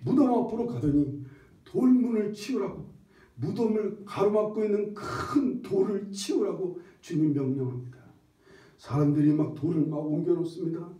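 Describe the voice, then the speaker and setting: A male preacher retelling a story in an animated way, in an echoey hall heard from far off. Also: high voice, normal speed. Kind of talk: sermon storytelling.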